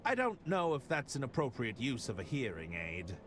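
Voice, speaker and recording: Awkward polite game detective, nosy, super bouncy pitch, earnest. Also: male voice, wildly swooping pitch, moderate pace, a bit bright, slight background noise. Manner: polite, inquisitive. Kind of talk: comedic adventure game acting.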